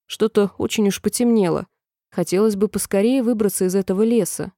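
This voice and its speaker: A woman's voice: mid-range voice, a little fast, dark tone, no room sound, clean studio sound, close to an everyday voice. A woman voicing a polite, curious little girl in a storybook reading, speaking earnestly and asking questions.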